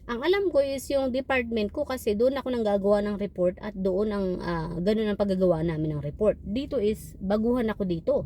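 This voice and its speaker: A woman vlogger who works as a patient care technician, retelling frustrating hospital shifts in an animated, exasperated way. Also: medium pitch, fairly quick, few pauses, a little hiss or hum. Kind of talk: casual storytelling vlog.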